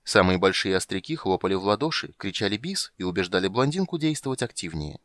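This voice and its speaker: A man narrates a fantasy story with a low, lively voice that rises and falls with the action. His reading is expressive and steady. The recording is dry and close to the mic. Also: fast talker, dry recording. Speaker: audiobook narrator. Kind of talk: scripted narration.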